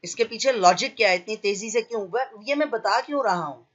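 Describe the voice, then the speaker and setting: A man with a fairly high voice teaches a computer lesson step by step. He explains patiently and often stops to check that the class is following. The sound is a little dull and lo-fi. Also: quick pace, fairly bright tone. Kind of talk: screen-share tutorial.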